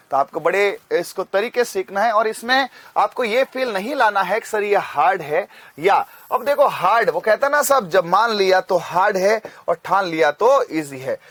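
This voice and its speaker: High-pitched guy teaching chemistry, pumped-up motivating style, says stuff over and over slow so it sticks, dry close mic. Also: lively intonation, fairly bright tone, dry recording. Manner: motivational, repeats phrases, slows to drill mnemonics. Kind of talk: energetic classroom lesson with mnemonic story.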